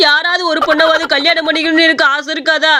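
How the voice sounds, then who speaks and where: A woman's voice: high voice, little pitch movement, quick pace, bright, forceful tone. A woman voicing a foolish, lovesick village bachelor in his forties who whines and pleads. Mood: complaining. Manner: pleading, whiny, easily fooled. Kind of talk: cartoon voice acting.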